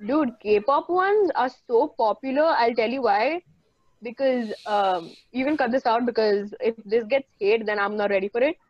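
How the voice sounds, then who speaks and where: A young woman in casual chat as a co-host, animated and filling her talk with "like". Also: a little high, moderate pace, dry recording, dull audio. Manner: animated, says "like" a lot.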